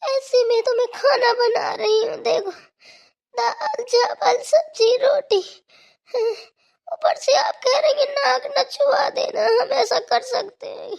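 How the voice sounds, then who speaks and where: A young cartoon daughter-in-law, played by a woman, sniffles through a stuffy cold and whines in tearful complaints. Her voice sits very high and shrill. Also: slow, creaky, a little mellow, heavily acted. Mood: tearful whining. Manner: tearful whining, wailing complaints. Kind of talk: cartoon voice acting.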